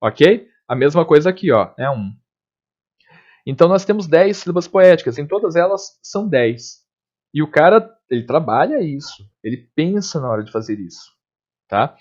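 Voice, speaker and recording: A man teaching a literature lesson in a casual manner, checking in with his students often and slowing down to recite poems. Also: fairly high pitch, animated, a little mellow. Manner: slows down when reciting poems. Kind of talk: classroom lecture. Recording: dull lo-fi recording.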